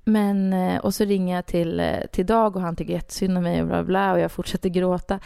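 Gravelly low-voiced woman storyteller. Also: dry recording, clean studio sound. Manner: animated, many fillers and restarts. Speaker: guest author. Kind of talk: casual personal storytelling. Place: Stockholm studio.

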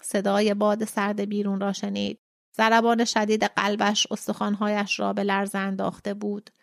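A woman podcast host narrating a short story in a calm, measured reading. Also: medium pitch, creaky, dry recording, clean studio sound.

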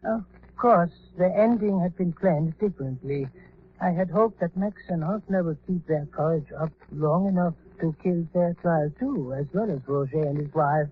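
An actor playing a scheming, cultured villain in an old radio drama, with a theatrical, precise manner. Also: male voice, a little high, normal speed, close to an everyday voice. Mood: gloating, menacing. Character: scheming, gloating male villain, cultured professor and murderer. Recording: tinny, noisy vintage radio recording.

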